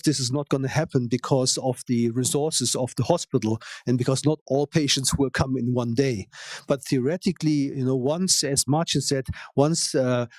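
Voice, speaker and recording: A man with a mid-pitched voice answers investors as a company executive. He explains at an even, measured pace and often pauses on fillers. The sound is dry and close, with no room echo.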